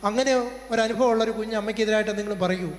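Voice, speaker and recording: A middle-aged man, a priest with a Kerala Malayalam accent, gives a slow, measured sermon on family life and acts out everyday examples. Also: sits high, fairly even intonation. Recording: reverberant hall.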